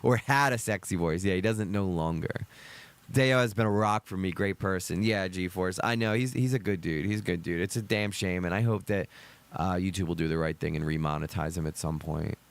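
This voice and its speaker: Male streamer, Northeast US accent, deep and hoarse from a cold, casual. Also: a little fast. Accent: American Northeast. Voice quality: deep, gravelly. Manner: chatty, greets chat viewers by name. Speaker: livestream host. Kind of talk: casual livestream commentary.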